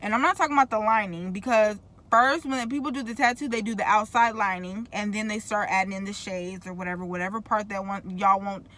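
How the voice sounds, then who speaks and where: Sitting in a parked car, a young woman vlogger talks to the camera through her braces in a casual, rambling, slangy way, frequently cutting herself off. Her mid-range voice has a fairly bright tone, moving fairly quickly with hardly any pauses.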